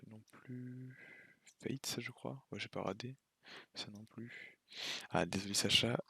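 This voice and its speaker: A man's voice: fairly low pitch, gravelly, pushed and bright, breathy edge, no room sound. A man giving casual, slangy, rambling commentary while ranking shows on a tier list, tired late at night. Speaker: YouTuber ranking anime.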